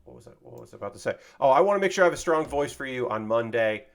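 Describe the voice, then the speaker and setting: A gravelly, expressive mid-range male voice talks very fast. He's a tired-sounding streamer, voice a little worn, chatting casually as he assembles a model kit. Expect loose, profane talk packed with fillers.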